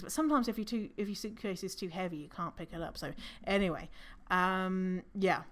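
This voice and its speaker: A non-binary podcast host with a low voice, low for a woman's range yet fairly bright in tone, rambles through a casual solo monologue full of fillers, self-corrections and casual swearing.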